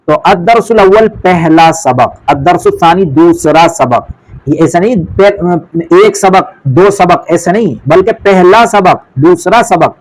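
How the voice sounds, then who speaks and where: Male teacher, fairly high voice, explains Arabic phrase by phrase. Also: poor audio. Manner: reads Arabic phrases then translates each one. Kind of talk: classroom lesson explaining Arabic.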